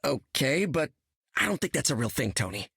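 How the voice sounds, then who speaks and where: Spider-Man, boyish, lively young hero. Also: mid-range voice, moderate pace, gravelly, slightly rough, no room sound, studio quality, full character voice. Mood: wry, chipper. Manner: wisecracking, boyish, eager. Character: quippy, sunny, youthful male superhero. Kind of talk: video game character acting.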